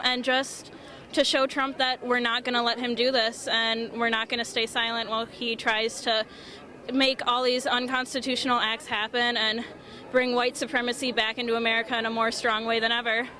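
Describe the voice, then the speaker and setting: Woman protester, high, bright voice, flat delivery, determined. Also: normal speed. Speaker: protester being interviewed.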